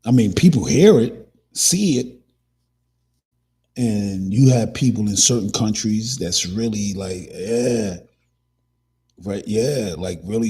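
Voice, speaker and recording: Man, husky voice, rambling talk-show host, lots of fillers. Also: lowish voice, mellow. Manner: rambling, many restarts and fillers. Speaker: podcast host. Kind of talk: casual commentary.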